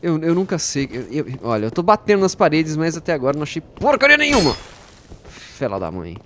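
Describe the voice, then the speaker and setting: A man giving playful, jokey let's-play commentary, talking to his viewers and bursting out excitedly during fights. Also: fairly high pitch, a little fast, slight background noise. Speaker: gaming YouTuber.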